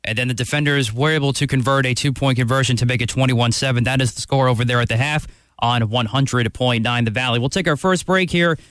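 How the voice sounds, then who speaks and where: A man hosting a radio sports show, recapping scores and introducing highlight clips. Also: quick pace, fairly bright tone, no echo, clean studio sound. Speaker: radio halftime host.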